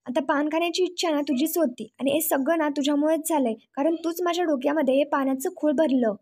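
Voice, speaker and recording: A woman reading the part of a boastful young man who keeps bragging and snapping at the woman with him. His voice sits high and light. The lines come across as quoted dialogue inside a spoken episode recap. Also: a little fast, mellow. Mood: bossy. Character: proud quarrelsome rich young man.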